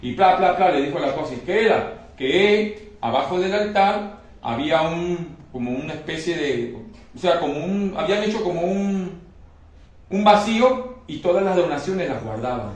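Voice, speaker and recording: In a very echoey hall with the mic placed far away, a man preaches emphatically, often asking the congregation whether they understand. His slightly high voice is animated and moves at a moderate pace.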